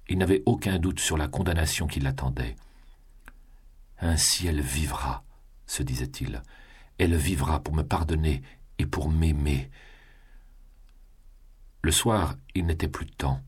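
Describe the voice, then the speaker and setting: A man narrating a classic novel in a calm, measured reading voice. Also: rumbling low, husky. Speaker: audiobook narrator.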